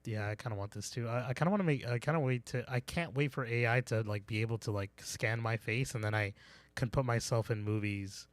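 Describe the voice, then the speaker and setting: A man's voice: mid-range voice, a little fast, no echo. A man co-hosting a casual movie podcast, joking around, laughing often and restarting his sentences. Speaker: podcast co-host. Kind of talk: casual chat.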